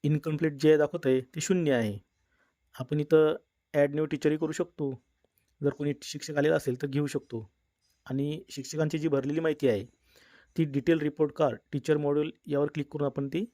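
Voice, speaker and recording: Man explaining software steps, dry sound. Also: a little high, dry recording. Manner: step-by-step instructional explaining. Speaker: tutorial presenter. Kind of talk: screen-recorded software tutorial.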